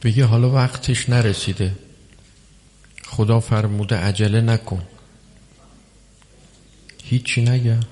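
A man preaching a religious sermon, measured and emphatic, with long pauses between phrases. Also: medium pitch, fairly even intonation, darkish tone. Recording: long hall reverb.

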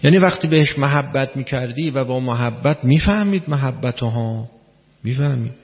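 A man's voice: medium pitch, darkish tone. A man giving a spoken lecture, explaining step by step, repeating key words and putting questions to his listeners. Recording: long hall reverb, dull lo-fi sound.

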